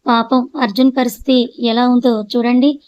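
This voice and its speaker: A woman's voice: on the high side, level tone, normal speed, darkish tone, no room sound, lo-fi sound. A woman narrating an audio story as host. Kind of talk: storybook reading.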